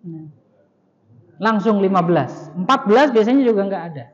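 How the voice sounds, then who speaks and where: In a mosque hall, a male Islamic teacher with a high, animated voice gives a conversational study lecture at normal speed, joking and putting rhetorical questions to his audience. He peppers his phrases with "ya" and "nah." The hall is reverberant and the sound dull and lo-fi.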